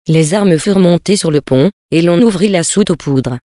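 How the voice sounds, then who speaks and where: A man reading a sea story aloud, with steady, even storytelling and lightly voiced dialogue. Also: high-pitched, moderate pace, no echo, studio quality. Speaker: reader.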